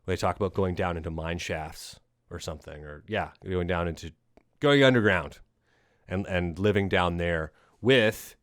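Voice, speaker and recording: A man's voice: sits low, normal speed, a bit bright, no room sound, clean studio sound. A man hosting a podcast, chatting casually about a film in a rambling way, with lots of fillers, restarts and casual swearing. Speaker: podcast host.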